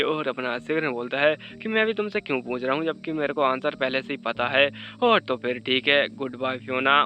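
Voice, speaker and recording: A man's voice: mid-range voice, lo-fi sound. A man recapping a comic story in a casual, chatty way, adding teasing jokes between the plot beats. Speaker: manhwa explainer.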